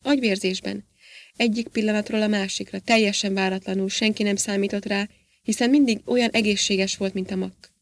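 A woman with a medium-pitched voice reads an audiobook as scripted narration, keeping her delivery steady and even.

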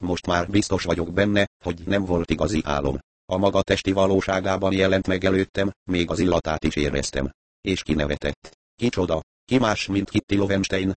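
A man reading the part of a very old, weary and menacing lama with a raspy voice, in an audiobook. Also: deep voice, dry recording, natural voice.

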